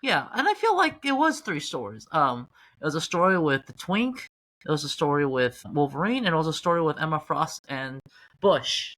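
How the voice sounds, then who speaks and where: A man's voice: on the high side, moderate pace. A man co-hosting a casual comics podcast, joking and rambling as he talks. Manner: jokey, rambling, animated. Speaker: podcast co-host.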